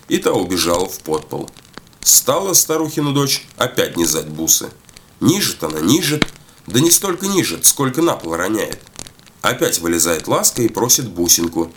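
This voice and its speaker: A man reading a folk tale aloud, expressive and melodic. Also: sits low, moderate pace, slight background noise. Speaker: storyteller.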